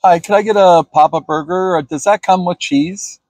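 A man's voice: high-pitched, normal speed, a little mellow, dry recording. A middle-aged man from Canada ordering food at a drive-through from his car, polite, brief and upbeat. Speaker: food reviewer.

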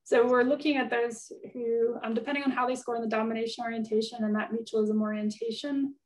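A woman's voice: a little high, fairly even intonation, fast talker, darkish tone, distant mic, poor audio. A woman speaking as a guest expert, answering audience questions in a thoughtful, hedging way with many fillers, over a video call. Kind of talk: conversational Q&A answers.

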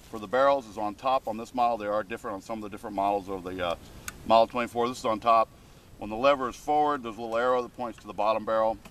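Man explaining a gun outdoors, low voice. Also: fairly bright tone, a little hiss or hum. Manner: plain, matter-of-fact explaining with frequent uh and um. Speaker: firearms demonstrator. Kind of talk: casual outdoor demonstration. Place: outdoor shooting range in open field. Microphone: camera mic on tripod.

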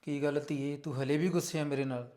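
A man playing a gentle older father who quietly advises his daughter. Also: a little high, a little fast, slight background noise, lightly acted. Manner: calm, soft and advising. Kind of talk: short film acting.

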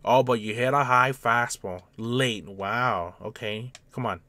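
Excitable man calling his own game. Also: measured pace, no room sound. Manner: excitable, jumps to loud highs on big plays; taunts the opponent directly. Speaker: video game player and commentator. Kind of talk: let's-play commentary on a baseball video game.

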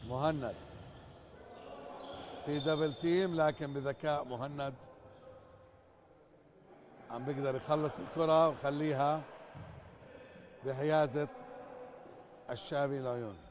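A man's voice: on the high side, steady tone, unhurried, pauses often. A man with a Jordanian Arabic accent doing live basketball commentary from an indoor gym. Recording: noisy indoor sports hall. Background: clear gym noise, bouncing basketball.

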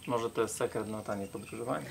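A man's voice: fairly low pitch, fairly quick, gravelly, slightly rough. A young man travel vlogger reading out viewer questions and explaining plainly in casual chat.

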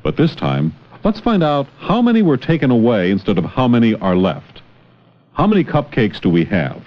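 This teacher-narrator speaks at a normal pace in a medium pitch that swings hugely as he talks with a child in an educational film. He sounds encouraging and asks plenty of questions, heard through a dull, noisy old 16mm soundtrack with clicks and heavy film noise.

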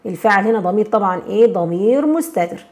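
A woman with an Egyptian accent teaching a grammar lesson, constantly checking in with questions and slowing down to stress example words. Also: medium pitch, expressive, darkish tone. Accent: Egyptian Arabic. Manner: slows and stresses words when reading examples.

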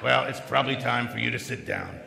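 A middle-aged man doing live comedy patter as a ventriloquist, projecting like a showman with deadpan setups. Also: mid-range voice, fairly quick, vocal fry. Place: large theatre stage. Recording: echoey theatre PA, long reverb.

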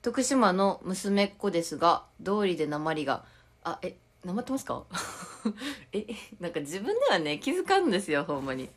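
A woman's voice: lowish voice, big pitch swings, moderate pace. A young woman with a Tokushima dialect, chatting casually on a live stream and reading viewer comments aloud with frequent giggles. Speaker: idol livestreamer.

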